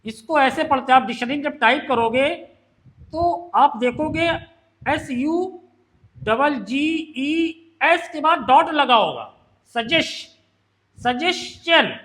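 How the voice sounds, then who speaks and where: High-voiced shorthand teacher. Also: male voice, unhurried, a bit bright. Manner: explains step by step, asks students questions. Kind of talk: classroom lesson.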